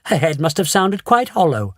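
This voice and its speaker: A man voicing an eccentric, calm factory owner who speaks matter-of-factly. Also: on the high side, normal speed, dry recording, studio quality. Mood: breezy. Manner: calm, breezy, matter-of-fact. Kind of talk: storybook read-aloud.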